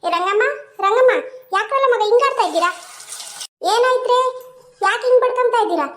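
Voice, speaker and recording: Woman doing a shrill quick old village granny, chiding everybody, cartoon voice. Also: fairly even intonation, a bit bright, a little hiss or hum. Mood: alarmed scolding. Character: scolding village grandmother, elderly woman. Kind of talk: animated village drama voice-over.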